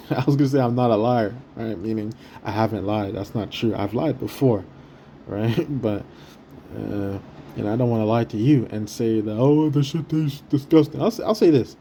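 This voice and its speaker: A man preaching quietly from a hotel room in a rambling, profane, stammering way, full of restarts. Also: mid-range voice, slight background noise. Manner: deliberately speaking quietly. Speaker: street preacher. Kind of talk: casual preaching monologue.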